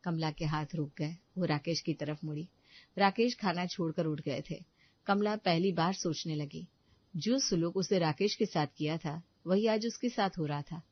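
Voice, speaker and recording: Give me a woman narrating a story in a measured voice with a dull dry sound. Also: fairly low pitch, no echo.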